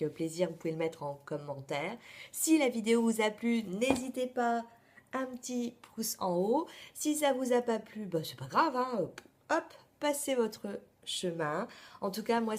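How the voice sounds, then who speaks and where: A woman in her thirties chatting through her monthly beauty favorites, with lots of hesitations and asides. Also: mid-range voice. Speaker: beauty vlogger. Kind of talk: casual beauty favorites vlog.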